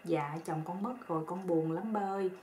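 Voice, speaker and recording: A woman's voice: on the low side, normal speed, dark tone, natural voice. A woman voicing a timid, grieving young daughter-in-law who pleads tearfully. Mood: sad. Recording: roomy echo with faint noise.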